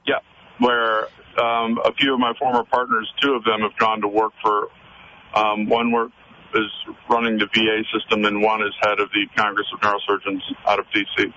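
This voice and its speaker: A man phones in to a radio show while driving, his lowish voice level in tone, sharp, and at a normal speed. He talks earnestly, hesitating often and using fillers. The call sounds muffled, with faint road noise.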